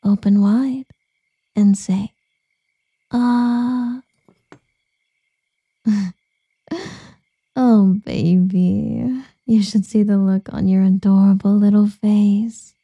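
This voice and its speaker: A doting female succubus, as a woman performs her murmurs and whispers to her lover in a breathy, husky voice. Her tone is dark and mellow, and she takes everything very slowly. The recording is dry and a little dull. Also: mid-range voice, steady tone, no room sound, exaggerated voice. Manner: soft whispering, cooing pet names. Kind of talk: ASMR roleplay.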